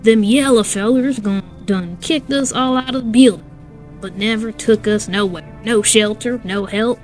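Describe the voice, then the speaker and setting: A woman voicing a folksy, motherly country woman refugee in a put-on Southern country accent, drawling and quiet. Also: on the high side, normal speed, faint music behind, natural voice. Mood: folksy, pleading.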